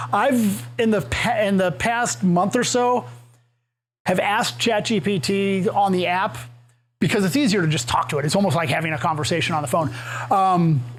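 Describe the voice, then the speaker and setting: A workshop presenter with a fairly high voice runs a live session in a meeting room, speaking casually with lots of fillers and restarts. He frequently asks the audience questions while walking around, and the room mic picks him up as he moves.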